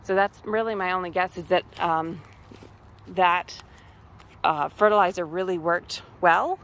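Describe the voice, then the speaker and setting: This homesteader, a woman from Massachusetts, USA, strolls her outdoor garden in a casual walk-through vlog, thinking out loud with frequent ums. Her lowish, slightly bright voice stays steady and unhurried, with a little hiss or hum in the recording.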